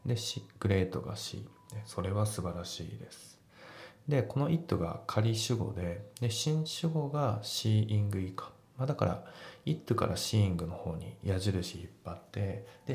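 A low, gravelly male voice with a dark, mellow tone, talking through exam questions in a relaxed teaching style. He explains each sentence piece by piece. The recording has a noticeable echo, as if made in a bare room. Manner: relaxed explanatory, breaks sentences into grammar parts. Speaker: English teacher. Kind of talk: casual exam walkthrough lesson.

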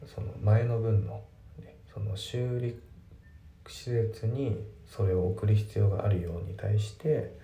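A male English teacher explaining grammar and pronunciation step by step, reading example sentences slowly. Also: on the low side, creaky, mellow, slight background noise. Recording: echoey room, distant mic.

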